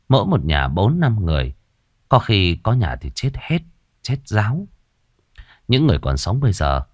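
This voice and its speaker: Male audiobook narrator, low voice, lively expressive intonation, dry close sound, dramatic storytelling. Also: dry recording.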